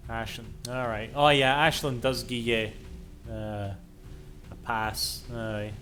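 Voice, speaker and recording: A man's voice: medium pitch, little pitch movement, slow pace, sharp tone, soft background music. A man giving casual, chatty live commentary as a game streamer, swearing freely.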